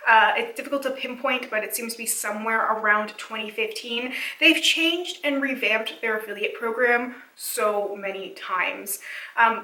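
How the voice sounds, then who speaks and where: A woman giving a casual, analytical video essay commentary, chatty with many fillers, her voice slightly hoarse and cracking. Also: fairly high pitch, sharp tone, reverberant, distant mic, low-quality recording.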